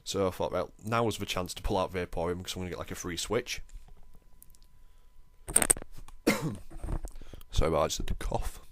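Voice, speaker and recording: A man's voice: sits low, racing, few pauses, no echo. A young man giving chatty, self-deprecating commentary over a recorded game as the channel's host.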